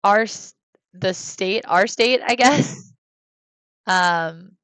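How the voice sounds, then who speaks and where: A woman from the United States in her thirties rambles casually through a life-sim game stream from a room at home, hesitant and heavy on fillers, pausing to speak to her kids. Her mid-range, fairly bright voice is extremely slow. There's no echo, but the audio is poor.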